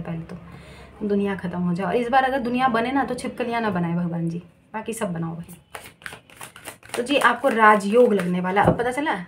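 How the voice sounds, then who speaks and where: A woman tarot reader chatting casually, telling an animated story at home and mixing English words into her talk. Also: mid-range voice, slight background noise. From Bengali family. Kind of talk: casual chat. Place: indoor room at home.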